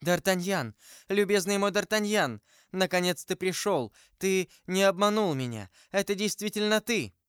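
A man voicing a dying young woman who speaks in a high, trembling, pleading voice. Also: animated, a little slow, fairly bright tone, clear, resonant tone, no room sound, studio quality. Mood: joyful. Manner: pleading, emotional.

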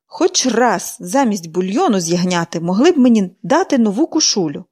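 A woman's voice: mid-range voice, very animated, a little fast, a little mellow, breathy edge. Brief: cranky sick older woman, complaining tone, voiced by a female reader. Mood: grumbling. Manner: peevish, grumbling. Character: irritable bedridden older woman.

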